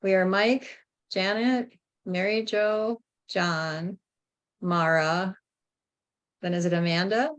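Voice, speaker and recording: A woman in her fifties leading a group workshop over a video call, thinking aloud with pauses and frequent checks like "right?". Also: mid-range voice, steady tone. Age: 50s. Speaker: workshop facilitator.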